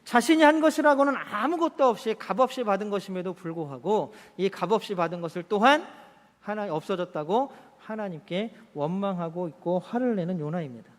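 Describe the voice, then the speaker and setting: Guy pastor preaching in church, pretty high voice, rhetorical questions, hall reverb. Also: a little fast. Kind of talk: sermon. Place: church sanctuary.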